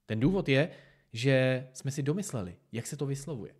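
A man's voice: mid-range voice, lively intonation, husky. A man teaching English pronunciation in a casual tutorial, talking straight to the viewer in an informal, direct way.

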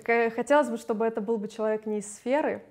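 A chatty young woman talks candidly in a relaxed interview, now and then breaking into a laugh. Her voice sits a little high for a woman. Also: fast. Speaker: singer, interview guest. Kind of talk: casual interview chat.

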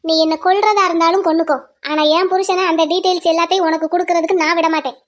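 Woman doing a captive cartoon wife, super high squeaky voice, calm and stubborn. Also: racing. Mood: defiant. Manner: calm, pleading then lecturing at length. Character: young wife held captive, defiant and steady. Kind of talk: cartoon drama voice acting.

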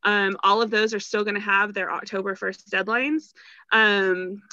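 A woman's voice: medium pitch, steady tone, a little slow, bright, forceful tone. A young woman giving an upbeat update over a video call from outdoors, running through a list of items. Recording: dull, dry sound.

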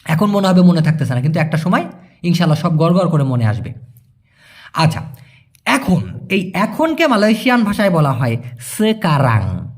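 A language teacher from Bangladesh gives a casual spoken lesson, saying each word slowly for pronunciation and addressing viewers as brothers. His voice is a little high, with big swings in pitch.

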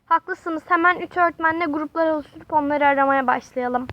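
A woman's voice: sits high, a little fast, natural voice. A woman voicing a kind, patient schoolteacher in a toy doll play, speaking in a soothing, motherly way. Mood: calm. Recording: dull lo-fi home recording.

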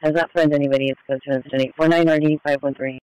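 Flat, fast male dispatcher, terse radio bulletin. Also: fairly high pitch, clean tone, no room sound, rough recording. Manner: terse, flatly reciting details. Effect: police radio transmission. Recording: police scanner radio audio.

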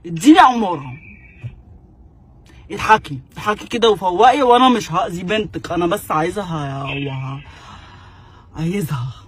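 A man's voice: high voice, expressive, moderate pace, long pauses, breathy edge. A young man with an Egyptian accent making a prank phone call, talking in a pleading, whiny, melodramatic way. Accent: Egyptian Arabic. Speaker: prank caller.

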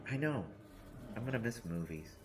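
Here a male roleplay performer acts out a shy, nervous survivor in a scripted audio monologue, with constant stammers, restarts, and self-deprecating rambling. His mid-range voice is expressive at normal speed, and the recording is very noisy.

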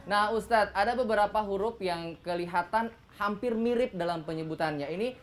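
A woman's voice: mid-range voice, a little fast. A woman hosting a religious children's television program, asking the teacher questions and prompting the children. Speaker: TV program host. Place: television studio.

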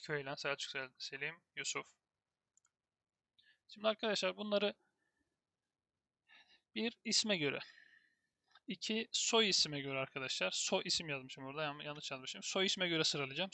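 Man with a gravelly, high, bright voice. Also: no room sound. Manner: thinks aloud while typing, keeps addressing viewers as "friends". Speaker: programming instructor. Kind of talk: screen-recorded terminal tutorial.

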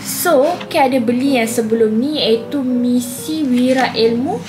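A woman's voice: sits high, unhurried. A young woman with a Malaysian accent chatting casually to viewers as a video blogger, talking to camera in a room at home. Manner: chatty, addresses viewers directly. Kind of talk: casual chat to camera, unboxing and giveaway. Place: small indoor room at home. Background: background music.

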